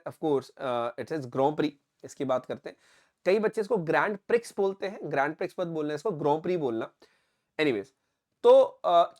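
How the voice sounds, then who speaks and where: Indian man teaching an exam-prep lesson. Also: on the high side. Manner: explains step by step, often asks if it is clear, mixes in English phrases. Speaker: current affairs teacher.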